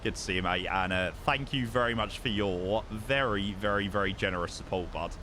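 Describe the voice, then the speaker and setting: A man's voice: lowish voice, brisk, pushed and bright, a little hiss or hum. A British man chatting casually and matily on a flight simulator livestream, often repeating words as he comments on his flying.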